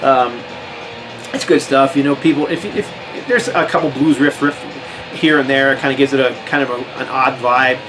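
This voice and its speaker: An American metal record collector vlogger casually shows off records from his collection, rambling with plenty of fillers and restarts. His mid-range voice moves at normal speed, with music playing in the background of a low-quality recording.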